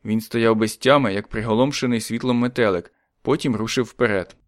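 Calm male audiobook narrator, dry sound. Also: medium pitch, dry recording. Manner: calm, measured storytelling.

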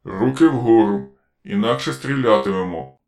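A man's voice: mid-range voice, normal speed, creaky, close to an everyday voice. A man voicing a driverless police car that interrogates in a cold, metallic, mechanical voice, curt and commanding, in an audiobook story. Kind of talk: audiobook reading.

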